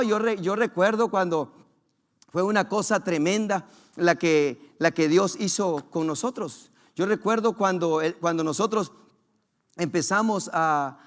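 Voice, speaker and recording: High-voiced fervent male preacher. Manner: fervent preaching, rhetorical questions, quoted scripture voiced dramatically. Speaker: pastor. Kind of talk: sermon.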